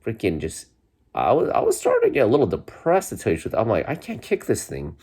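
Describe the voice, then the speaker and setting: Getting over a cold and still congested, a man in his forties vlogs from his bedroom in a loose, rambling chat to camera, restarting often and leaning on fillers. His deep voice is a little mellow with a breathy edge, and he talks fast while his pitch swoops wildly.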